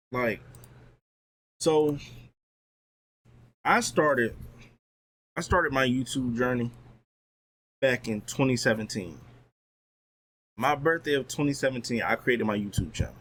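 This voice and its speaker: Lively young man giving a motivational talk. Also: mid-range voice, slightly rough. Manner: casual, lively, talks to chat with slang. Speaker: streamer.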